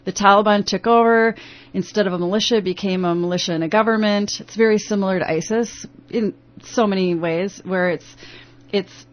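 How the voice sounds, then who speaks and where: A woman talking as a radio interview guest in a rambling way with many restarts, heard through a dull AM radio broadcast. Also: medium pitch. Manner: rambling, full of restarts and fillers. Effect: AM radio broadcast sound. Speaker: interview guest, youth program founder.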